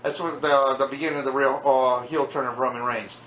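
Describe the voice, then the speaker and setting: Dude with a highish voice chatting wrestling, echoey room, bit of noise behind. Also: male voice, steady tone, a little fast, fairly bright tone. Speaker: podcast co-host. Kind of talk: casual wrestling chat.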